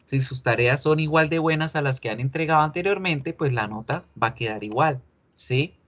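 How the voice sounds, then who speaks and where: A man's voice: fairly high pitch, normal speed, a bit bright. Stuffy-nosed Colombian man teaching online. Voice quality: nasal, stuffy nose. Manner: informal, instructive, checks understanding often. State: congested with a blocked nose. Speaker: English teacher. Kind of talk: explaining to an online class. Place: online class call with screen share.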